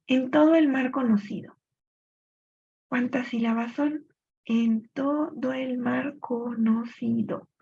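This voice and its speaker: A woman teacher explains poetic rules step by step, stopping now and then to think aloud. Her voice sits a little high, with a gravelly, husky edge. The recording sounds dull and lo-fi. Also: darkish tone. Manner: clear explanatory pace with thinking-aloud pauses. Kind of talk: recorded literature lesson.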